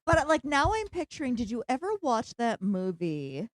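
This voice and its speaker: A woman co-hosting a podcast in casual chat, laughing often and jumping in with quick interjections. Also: a little high, big pitch swings, no echo, studio quality. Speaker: podcast co-host.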